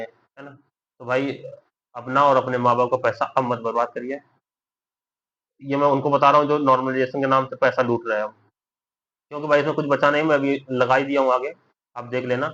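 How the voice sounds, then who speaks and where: This young man makes exam-guidance videos and talks informally straight to his viewers, repeating his points and often tacking on tag questions to check they're following. His voice is mid-range and fairly bright, though the lo-fi audio sounds dull.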